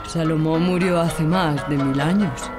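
A storyteller doing a poor old fisherman, low and subdued. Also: steady tone, unhurried, close to an everyday voice. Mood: indignant. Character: poor, worried old fisherman, timid but clever. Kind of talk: storybook character voice. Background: background music.

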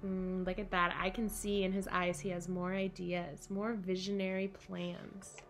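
In a small indoor playroom, with soft background music, a camp director in her thirties reads a picture book aloud expressively and chats with children. Her mid-range voice keeps a measured pace, animated and encouraging, full of wide-eyed emphasis, as befits a children's story reader.

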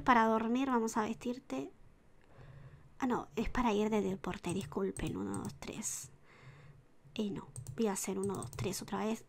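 A woman's voice: on the high side, a bit bright. A woman with a Spanish accent who now and then slips into an Argentine one, chatting casually over a life-sim game, counting aloud and dropping into whispers. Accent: Spanish (Spain), sliding into a put-on Argentine. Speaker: gaming YouTuber. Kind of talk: casual Sims gameplay commentary.

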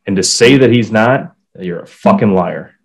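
A man with a low voice and some vocal fry, speaking at a moderate pace, co-hosts a casual hockey podcast. His delivery is lively and profane, and he reads quotes aloud along the way.

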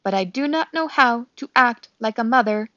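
A woman's voice: fairly high pitch, expressive, normal speed, a bit bright, no echo, dull audio. A woman voicing a friendly, literal-minded female robot who speaks in cheerful, formal, precise sentences. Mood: earnest.

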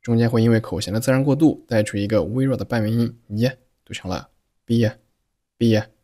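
A man teaching English pronunciation, patiently explaining each sound and repeating example words slowly. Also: medium pitch, dark tone.

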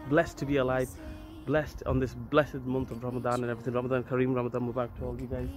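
A man, vlogging casually to a handheld camera in his car, outdoors and in shops, chatty and excitable. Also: medium pitch, quick pace, over music. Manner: chatty, excitable, says "right?" and "let's go" often. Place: car, outdoors in town and by a river, shop. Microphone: phone or action camera held at arm's length.

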